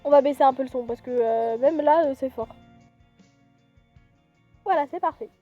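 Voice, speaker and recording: Giggly high-voiced French woman gamer. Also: normal speed, dull audio, faint music behind. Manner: giggly, chatty, self-mocking asides. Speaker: YouTuber playing visual novels. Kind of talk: casual gameplay commentary and reading game text aloud.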